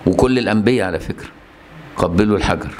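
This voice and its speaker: Fast-talking Egyptian scholar teaching. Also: male voice, fairly low pitch, darkish tone, a little hiss or hum. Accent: Egyptian Arabic. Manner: explains with rhetorical questions and filler "what". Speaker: Islamic scholar teaching hadith. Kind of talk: religious lesson.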